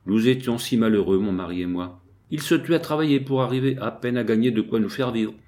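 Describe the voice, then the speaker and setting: A man's voice: mid-range voice, dark tone, close to an everyday voice. A man reading a French novel aloud, voicing a poor clerk's desperate wife who begs through tears. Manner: tearful imploring. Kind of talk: audiobook character reading.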